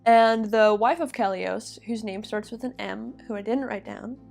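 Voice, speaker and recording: A woman's voice: a little high, normal speed, vocal fry, darkish tone, faint music behind. A young woman casually retelling a myth to a friend, chatty and laughing, with many fillers. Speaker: podcast co-host retelling a myth. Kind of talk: casual storytelling chat.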